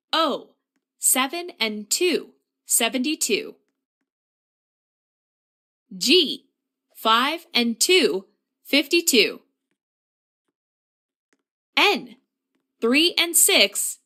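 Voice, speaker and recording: A woman's voice: fairly high pitch, pushed and bright. A woman working as a bingo caller, announcing numbers in short, clipped, formulaic phrases.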